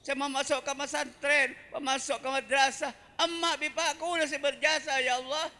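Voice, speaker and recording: A man voicing a young child who pleads tearfully to God in high, plaintive wails. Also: flat delivery, moderate pace, sharp tone, big-room sound, heavily acted. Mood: pleading. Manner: high plaintive wailing pleas.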